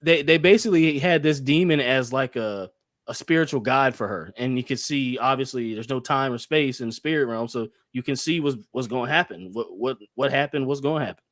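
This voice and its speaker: A man's voice: mid-range voice, fairly quick, a bit bright, no room sound, studio quality. A man co-hosting a podcast, talking in a loose, rambling way with lots of fillers and swearing. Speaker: podcast co-host. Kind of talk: casual chat.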